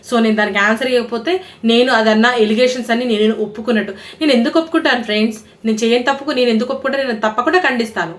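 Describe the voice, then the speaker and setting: A fairly high-voiced woman delivers an angry vlog rant. She scolds and hurls insults, firing the same pointed questions again and again. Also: a bit bright. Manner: heated, scolding, insulting tirade with repeated jabbing questions. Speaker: YouTuber.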